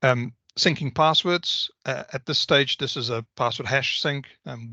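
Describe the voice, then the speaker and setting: A bright-toned man on a video call. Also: mid-range voice, no echo. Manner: methodical, explanatory. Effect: video call audio. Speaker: software presenter. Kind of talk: technical product walkthrough. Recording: slightly dull video call audio.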